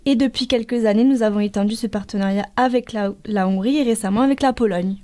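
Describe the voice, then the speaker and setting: A woman's voice: on the high side, fast, a little mellow. A woman giving a prepared explanation as a guest in a radio interview.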